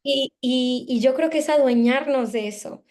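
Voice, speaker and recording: A woman's voice: high voice, normal speed, darkish tone. A Mexican woman with a Mexican accent, a guest in a casual interview, talking reflectively with many asides and tag questions. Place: in Spain.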